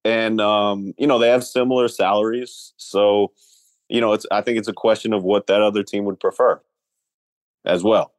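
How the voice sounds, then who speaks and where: A man with a low voice talks sports in a relaxed way. He thinks aloud and weighs both options. The recording is dry and close. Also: normal speed, no room sound. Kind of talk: casual sports talk.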